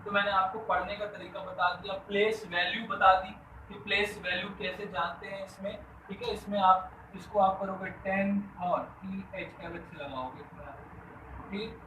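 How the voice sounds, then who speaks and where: High bright-voiced male math teacher. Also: fairly even intonation, normal speed. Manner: repeats questions to students and answers them himself; Hindi with many English math terms. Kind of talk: classroom lesson explaining to students. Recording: echoey room, voice a bit distant from the mic, faint background noise.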